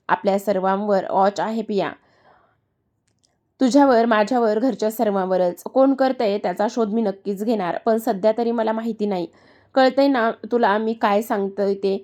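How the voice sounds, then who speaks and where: A woman's voice: mid-range voice, darkish tone. A woman reading a romantic story aloud, voicing both the husband and wife in the dialogue. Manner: reads all parts herself, dialogue and narration. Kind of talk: scripted story narration.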